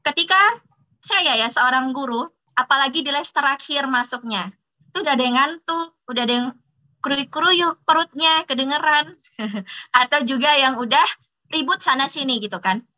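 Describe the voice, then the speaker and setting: A woman's voice: high voice, moderate pace, bright, forceful tone, low-quality recording. A woman teacher giving a casual talk on public speaking to an online class, chatty, laughing often and using plenty of fillers.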